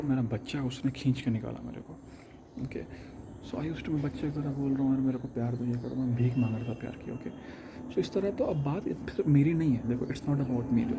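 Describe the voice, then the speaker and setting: A young man telling a reflective personal story, halting and restarting often, switching between Hindi and English. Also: medium pitch, background noise.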